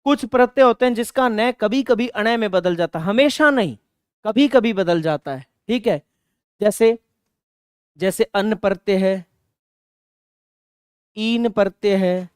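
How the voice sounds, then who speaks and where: A male teacher gives an online exam-prep grammar lesson. His voice sounds smooth and resonant, with dry close-mic sound and no room echo. He poses questions, answers them himself, and repeats key words for emphasis. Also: high-pitched.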